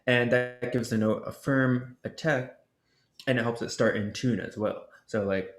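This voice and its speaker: A man presenting an ocarina workshop, explaining technique in a relaxed way and sounding out the syllables as he goes. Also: medium pitch, measured pace, soft background music. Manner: casual, explains with demonstration syllables and fillers. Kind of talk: instructional explanation. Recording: roomy echo.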